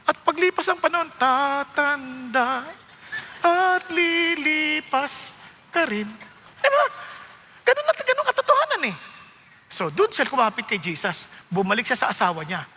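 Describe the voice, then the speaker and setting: Bright high-voiced pastor preaching. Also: male voice, measured pace. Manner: animated, joking, code-switching into English. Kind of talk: sermon. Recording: long hall reverb.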